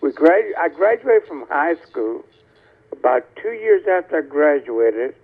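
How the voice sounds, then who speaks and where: A man's voice: a little high, sing-song, a little slow. A man from Tampa calling in to a show, telling a rambling story over a clipped phone line and correcting himself as he goes. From Tampa, Florida. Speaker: caller. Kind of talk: casual call-in storytelling. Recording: tinny phone call on a TV show.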